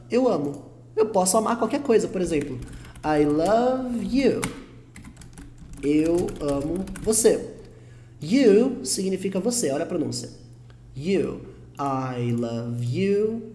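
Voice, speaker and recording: A man with a Brazilian Portuguese accent leads an online English lesson in a mellow, warm voice. He talks patiently and reassuringly, slowing down to repeat each example. The recording carries a noticeable roomy echo. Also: high voice. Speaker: English teacher.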